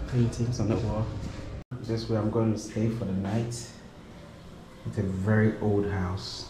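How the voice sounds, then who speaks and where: A man in his thirties from Ghana, talking casually to a phone camera held at arm's length as a travel vlogger, chatty, with many fillers and frequent laughs. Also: on the low side. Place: inside a car and a small hotel room. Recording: loud traffic and car noise.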